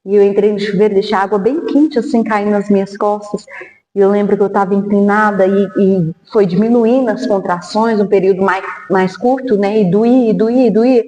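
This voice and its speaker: A woman with a dark, mellow voice tells a painful personal story in earnest. She is a podcast guest who acts out the lines of people in her memory. The sound is roomy, with a long echo like a hall. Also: mid-range voice, fairly even intonation, brisk. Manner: earnest, acts out remembered dialogue. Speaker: guest sharing a testimony. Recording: echoey hall.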